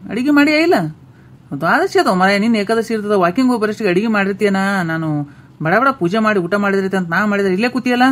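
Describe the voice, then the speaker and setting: A man's voice: high voice, fast talker, a bit bright. A man voicing a hungry, short-tempered older husband in a comic cartoon, speaking with a North Karnataka Kannada accent and barking impatient orders.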